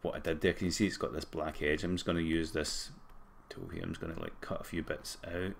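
A man with a broad Scottish accent and a groggy throat, casually thinking aloud through a screen-recorded software tutorial. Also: deep voice, level tone, brisk, vocal fry, slight background noise. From Scotland. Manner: informal, thinking aloud while working. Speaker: tutorial presenter.

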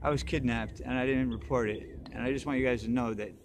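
A man's voice: medium pitch, fairly even intonation, fast talker, noisy background. A man hosting his own vlog outdoors at dusk, rambling hesitantly with many fillers and dry, joking asides. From northeastern United States. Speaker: vlog host. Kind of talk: rambling casual monologue.

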